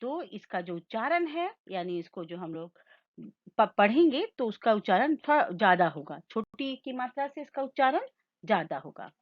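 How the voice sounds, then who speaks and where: A woman teacher giving a Hindi lesson, slowly sounding out each word and explaining its meaning. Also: on the high side, sing-song, muffled recording. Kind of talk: slow classroom lesson with call-and-repeat.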